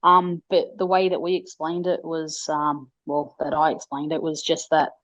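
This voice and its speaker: Low-voiced woman telling stories. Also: normal speed. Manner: animated storyteller, acts out quotes in high voices. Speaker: podcast co-host. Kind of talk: casual chat. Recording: dull lo-fi audio.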